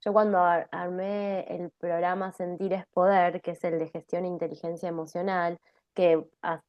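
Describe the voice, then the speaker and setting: A woman's voice: medium pitch, a little mellow. A woman hosting a podcast, explaining her ideas and thinking aloud with tag questions. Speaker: podcast host. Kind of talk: reflective podcast conversation.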